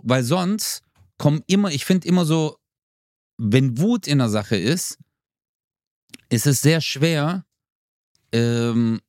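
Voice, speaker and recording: A man's voice: medium pitch, darkish tone, dry recording, studio quality. A man co-hosting a podcast in casual chat, laid-back and slangy, acting out quoted lines as he talks. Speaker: podcast co-host.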